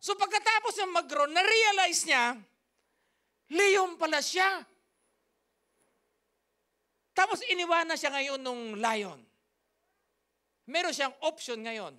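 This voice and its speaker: A woman's voice: extremely high pitch, animated, takes it slowly, pauses often, sharp tone. A woman pastor, telling a story in a sermon with emphatic, repetitive, rhythmic phrasing. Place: church service.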